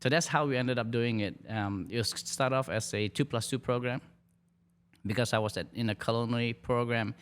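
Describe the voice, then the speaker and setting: A middle-aged Malaysian man who serves as a hospitality dean speaks in a podcast interview. His mid-range voice has a clean tone, and his delivery is relaxed and halting, full of fillers and restarts.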